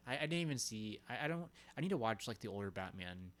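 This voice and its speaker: A young man co-hosting a casual podcast chat, talking haltingly and searching for his words. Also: lowish voice, sing-song, fairly bright tone. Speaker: podcast co-host.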